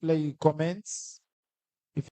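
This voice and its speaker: A moderator with a Sierra Leonean Krio accent, briskly directing questions and joking with the room. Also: medium pitch, flat delivery, dark tone, no echo. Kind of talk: moderating a press conference.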